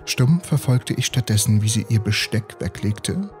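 A man reading a bedtime story as a calm, even storyteller. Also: on the low side, moderate pace, faint music behind. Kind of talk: scripted bedtime story narration.

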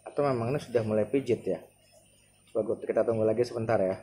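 A man's voice: lowish voice, steady tone, quick pace, warm tone. A man in his thirties with a Jakarta Indonesian accent, thinking aloud in an informal, hesitant product demo in a room at home. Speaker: vlogger testing a massage chair. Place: indoors, living room at home. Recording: clear background noise, room ambience.

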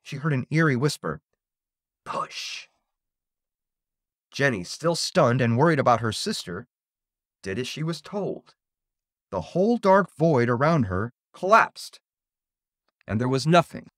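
A man reads a spooky story aloud with a theatrical flair. His pitch sits in a middle range but roams widely as he builds suspense. The sound is dry and close, with no room around it. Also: moderate pace, no echo. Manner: expressive, theatrical. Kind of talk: dramatic story reading.

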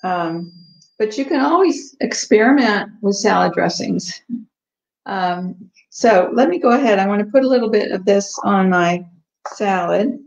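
This home-kitchen cooking streamer talks a little slowly in a mid-range voice with vocal fry. She stays relaxed and chatty, full of ums, and eats while talking over echoey, muffled livestream audio.

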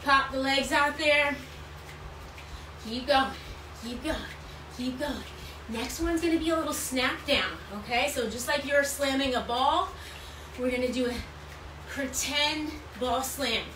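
A woman aerobics instructor with a very high voice leads a home workout in short, encouraging, repeated cues and counts. Her delivery is unhurried, and she sounds distant from the microphone in an indoor room. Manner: encouraging, repetitive cueing while exercising. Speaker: fitness instructor leading a workout. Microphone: camera or phone several feet away. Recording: roomy, distant mic, clear background noise.

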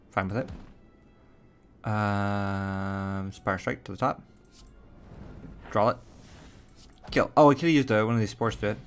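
A man hosting a gaming channel, chatting casually and thinking aloud as he plays a card game. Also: fairly low pitch. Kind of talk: casual gameplay commentary.

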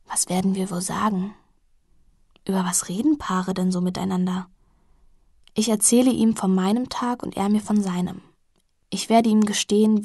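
A woman reading a novel aloud in the first person, intimate and at times softly hushed. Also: mid-range voice, slightly rough, no echo, studio quality. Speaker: audiobook narrator.

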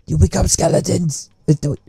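A man's voice: a little high, normal speed, gravelly, breathy edge, no echo. A man giving joking, profanity-laced commentary while playing a shooter game. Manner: profane, excitable, joking to himself. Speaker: gamer. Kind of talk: live gameplay commentary.

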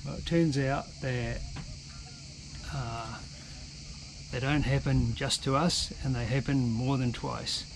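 A man's voice: medium pitch, steady tone, takes it slowly, gravelly, background noise. A man, narrating a sailing vlog in an earnest, plain-spoken way and often restarting his sentences. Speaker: sailing vlogger.

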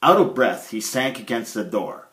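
Here a middle-aged man narrates a children's story in an expressive, mid-range voice that's a bit bright, keeping a moderate pace. It's an echoey phone recording made at arm's length inside a small bare room.

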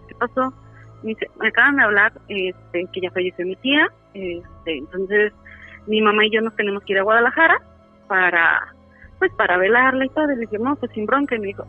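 A woman, phoning in to tell a story in a casual, chatty way, often using fillers. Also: a little high. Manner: chatty, many fillers like "este". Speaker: caller. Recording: tinny phone line with music behind.

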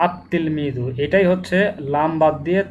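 A man with a Bangladeshi Bengali accent, teaching an Arabic lesson, patiently repeating each example slowly. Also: a little high, a little hiss or hum, rough recording. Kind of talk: step-by-step language lesson.

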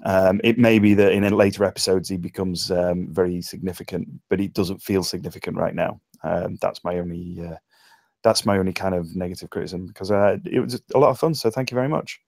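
This Englishman's informal spoken critique of a script, given as a table read participant, comes in hesitant phrases with a dry wit. His low-pitched, slightly mellow voice is brisk with fairly even intonation. He's on a remote online voice call with no room sound.

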